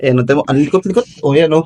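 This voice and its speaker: A man's voice: on the high side, fast, darkish tone. A man vlogging at home in a bedroom with his small child, teasing and joking while stuffy with a cold. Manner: playful and teasing, laughs often. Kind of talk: casual home vlog.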